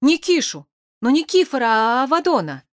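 Woman voicing a tearful young man, high, strained, rushed, sobbing, dry close sound. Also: no echo, natural voice. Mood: distraught.

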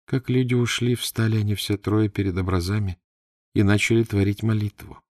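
A man voicing a pious, blind old woman storyteller who speaks in a sad but calm way, with old-fashioned words. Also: deep voice, fast, vocal fry, slightly rough, dry recording, clean studio sound, full character voice.

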